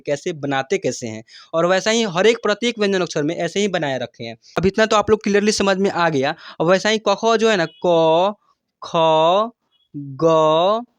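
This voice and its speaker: A man teaching the Hindi alphabet, reciting syllables slowly and repeating each one with teaching fillers. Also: sits high, no room sound. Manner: slow, drawn-out recitation of syllables.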